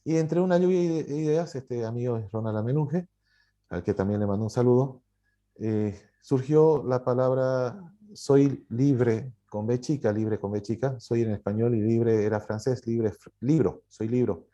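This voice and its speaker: A man's voice: mid-range voice, a little slow, mellow. A man from Bolivia, a publisher and writer answering in an interview, telling his story with many fillers and self-corrections.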